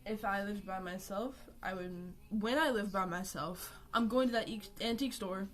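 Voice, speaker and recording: A woman's voice: mid-range voice, normal speed. A young woman chatting casually on a live art stream at home, rambling, joking at herself and swearing freely. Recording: music playing behind the voice. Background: music.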